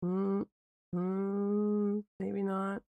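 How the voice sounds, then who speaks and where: Squeaky, creaky woman streamer, sick. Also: completely flat delivery, extremely slow, dry recording. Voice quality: squeaky, like a squeaky toy. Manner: thinks out loud, repeats herself. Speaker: art streamer. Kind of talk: casual livestream chat while drawing.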